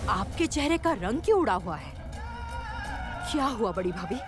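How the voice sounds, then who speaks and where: A concerned young sister-in-law. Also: female voice, on the high side, sing-song, normal speed, music in the background. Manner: concerned, questioning. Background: dramatic background score.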